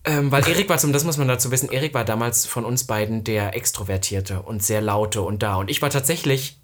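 A man's voice: mid-range voice, brisk. A man from Halle in eastern Germany, a guest telling personal stories in a casual podcast chat.

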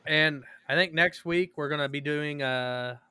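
Podcast co-host, male, bright and crisp, profane rambling banter, dry sound. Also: on the high side, measured pace, no echo. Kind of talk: casual crude banter.

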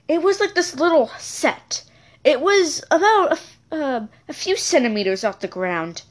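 A woman's voice: sits high, animated, normal speed. A woman telling a childhood story in a casual, rambling episode, correcting herself and adding chatty asides.

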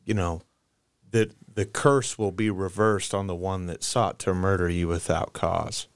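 A man co-hosting a podcast, retelling scripture with casual slang and quick paraphrases of what the characters say. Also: deep voice, steady tone, clear, resonant tone, dry recording, clean studio sound. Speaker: podcast co-host. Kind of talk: casual Bible study discussion.

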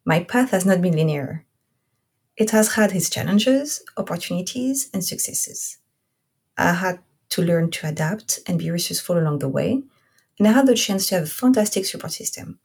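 She speaks with vocal fry in a medium-pitched voice that's a little mellow and slightly rough. A French-accented woman in her thirties from Corsica, she hosts a podcast, first reading the intro carefully, then chatting casually with a guest.

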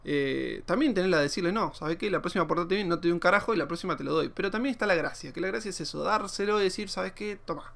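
Fast-talking Argentine man, gravelly. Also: high-pitched. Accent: Argentine Spanish. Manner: animated, slangy, quotes imagined people in his own voice. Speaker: podcast host and YouTuber. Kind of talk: casual monologue podcast.

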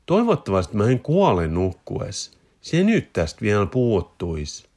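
A man voicing a man who speaks in broad Turku dialect, telling odd mishaps flatly and matter-of-factly. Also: on the low side, a little hiss or hum. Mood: deadpan.

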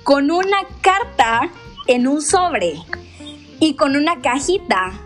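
A high-pitched woman in her late twenties tells stories in a casual chat. She is animated and swears freely, and her voice leaps way up whenever she acts out other people's lines. Soft music plays underneath. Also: slow pace. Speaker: podcast co-host.

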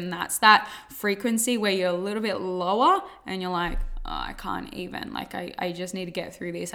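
A woman's voice: medium pitch, a bit bright. A woman hosting a casual motivational podcast, speaking informally and emphatically with repeated phrases and casual swearing, and pronouncing her R's like W's. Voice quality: cannot pronounce R's properly, r sounding like w. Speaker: podcast host and coach.

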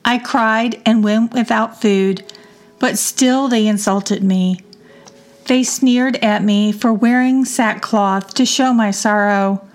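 A woman reading psalms aloud in a measured devotional reading. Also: mid-range voice. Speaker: scripture reader.

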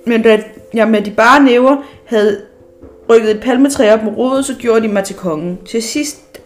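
A woman's voice: on the high side, natural voice. A woman reading a storybook aloud, voicing a stout, boastful male sea captain who has become king of an island.

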